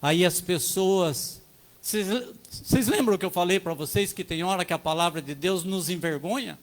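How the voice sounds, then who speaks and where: High-voiced Brazilian preacher telling a parable. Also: male voice, moderate pace, poor audio. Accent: Brazilian Portuguese. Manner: storytelling preacher, addresses congregation as brothers. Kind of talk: sermon. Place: church service.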